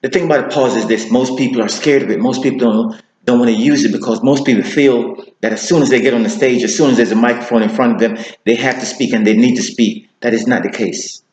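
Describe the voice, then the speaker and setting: A man teaching public speaking, talking to camera and deliberately shifting his pace, slowing down for emphasis. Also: mid-range voice, steady tone, a little mellow, reverberant, low-quality recording. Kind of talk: instructional talk to camera.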